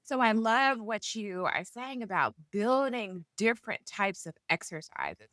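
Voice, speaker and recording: Animated woman co-hosting a podcast. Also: medium pitch, unhurried, dry recording. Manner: animated storyteller, acts out quotes. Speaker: podcast co-host. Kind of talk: casual podcast conversation.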